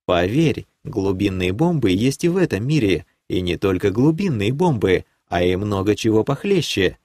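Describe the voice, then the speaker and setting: A man voicing a haughty, scheming noblewoman who leads a clan in an audiobook; he raises his voice to play her, and she talks in a sweetly condescending way that turns sharp. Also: fairly low pitch, sing-song, normal speed, dry recording, studio quality. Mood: explaining. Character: haughty scheming female baroness, clan leader.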